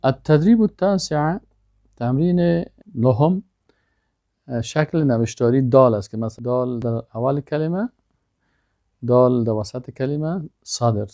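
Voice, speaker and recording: A male language teacher, his voice mellow and gravelly. He says vocabulary words one at a time, then explains them in plain speech. The sound is close and dry. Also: medium pitch, long pauses, no room sound. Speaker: Arabic teacher. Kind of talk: language lesson with pronunciation drills.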